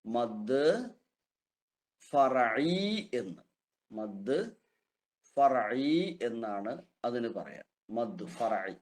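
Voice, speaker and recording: Slow, patient male Quran teacher. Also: a little high, a little mellow. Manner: patient, repeats key terms slowly for students. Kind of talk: online class lecture.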